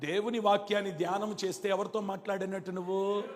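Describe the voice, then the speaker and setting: A man preaching a sermon. He calls out to the congregation and swings from shouted lines to quiet coaxing. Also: high voice, little pitch movement, fast talker, noisy background. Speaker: pastor. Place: church hall. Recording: long reverb of a large hall.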